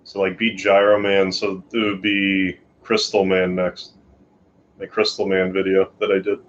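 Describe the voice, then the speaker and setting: A man's voice: low-pitched, monotone, unhurried, dull audio, a little hiss or hum. Sleepy Canadian man streaming. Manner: sleepy, rambling, yawning. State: tired. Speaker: live streamer. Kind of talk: casual live stream chat, reading chat. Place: home bedroom.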